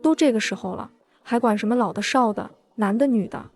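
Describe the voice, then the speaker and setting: A woman's voice: on the high side, fairly quick, a little mellow, lightly acted. A woman voicing a selfish older mother-in-law who whines and pleads for food. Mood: pleading. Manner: whining, pleading.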